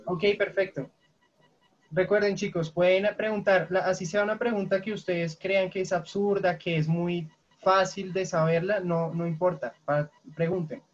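A woman's voice: fairly low pitch, steady tone, normal speed. Brief: woman teacher on an online call, patient, keeps checking in, lo-fi audio. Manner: patient, checks often for questions. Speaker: English teacher. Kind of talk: online class, explaining grammar. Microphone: video call.

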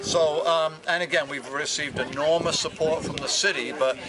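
A man's voice: on the high side, fairly even intonation, moderate pace. A man in his fifties who leads an ocean research group, talking earnestly and with enthusiasm in an outdoor interview, often restarting his sentences. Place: outdoors by a brick building and truck. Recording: outdoor street noise and voices.

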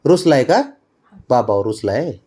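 Man cooing baby talk, lively sing-song. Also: mid-range voice, a little slow, slightly rough. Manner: coaxing, doting sing-song. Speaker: pet owner. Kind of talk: baby talk to a pet cat. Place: home at night.

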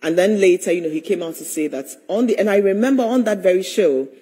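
A man's voice: high-pitched, fast talker, dark tone, husky. A man with a Ghanaian accent asking questions as the interviewer in a broadcast news interview.

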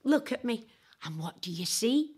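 An older woman voices a flamboyant, boozy, eccentric adventuress who travels through time, confiding in a husky, breathy drawl during a dramatic audio monologue. Her pitch is fairly high and swings widely, her pace moderate and her tone a little mellow. It's a full character voice, playful and boastful.

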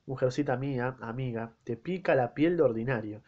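A man's voice: medium pitch, moderate pace, muffled recording, close to an everyday voice. Man reading a flippant drunken husband. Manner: flippant, mocking. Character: boastful drunken husband, cynical and glib.

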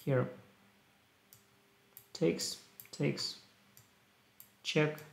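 A young male chess streamer with a Russian-tinged English accent chats casually on a live stream while solving puzzles, thinking aloud in short, clipped phrases. His voice is on the high side and creaky, with fairly even intonation and drawn-out words. He's in a small indoor room, and the sound is roomy.

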